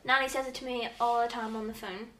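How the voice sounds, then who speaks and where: A woman's voice: on the high side, level tone, fast, bright, forceful tone, reverberant, far from the mic, slight background noise. A woman quizzing her partner in a casual, playful and teasing chat. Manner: playful, teasing, laughs often.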